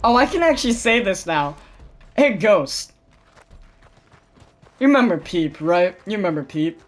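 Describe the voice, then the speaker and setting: Animated young man, swearing storyteller. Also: sits high, measured pace. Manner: animated storytelling, swears freely, mimics others loudly. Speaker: gamer chatting with friends. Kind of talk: casual gaming voice chat.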